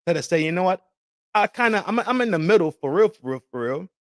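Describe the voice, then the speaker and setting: Fast and lively, with a high-sitting voice, a man hosts a podcast and launches into a casual political rant. Heavy profanity, street slang and repeated phrases make him emphatic, captured in a dry, studio-quality recording.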